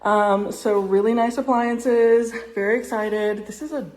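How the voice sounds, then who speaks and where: A woman's voice: on the high side, steady tone, unhurried, a little mellow. Bubbly woman vlogger in a very echoey room. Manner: bubbly, enthusiastic, giggly. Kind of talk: casual chatty apartment tour vlog. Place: indoors, small empty unfurnished apartment. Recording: echoey empty apartment, long reverb.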